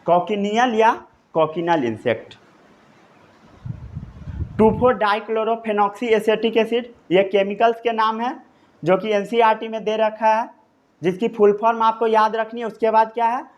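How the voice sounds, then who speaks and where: A man teaching a science lesson in Hindi, stopping often to dictate key terms slowly so students can write them down. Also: sits high, steady tone. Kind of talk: classroom lecture.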